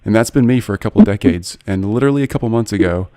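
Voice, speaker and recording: A man's voice: fairly low pitch, racing, dark tone, no echo, studio quality. A man in his forties hosting a podcast interview, speaking in an earnest, personal and eager way. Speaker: podcast host.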